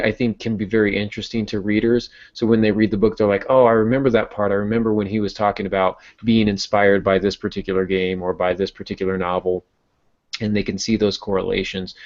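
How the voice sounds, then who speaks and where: This fairly low, darkish male voice belongs to a podcast host who is also a novelist. He's chatty and explanatory on his casual show, with a self-deprecating sense of humor. The audio is dull and lo-fi.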